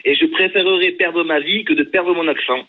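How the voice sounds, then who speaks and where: A man's voice: fairly high pitch, steady tone, brisk. A man from southern France with a southern French accent, calling in to a radio show and speaking with impassioned emphasis. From southern France, near Nîmes. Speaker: caller. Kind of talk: phone-in call. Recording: tinny phone line.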